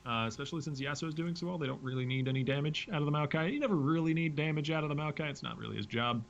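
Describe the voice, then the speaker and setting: A man casting an esports match, giving quick play-by-play with wry jokes. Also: on the high side, gravelly, lo-fi sound, a little hiss or hum. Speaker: esports caster. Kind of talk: play-by-play commentary.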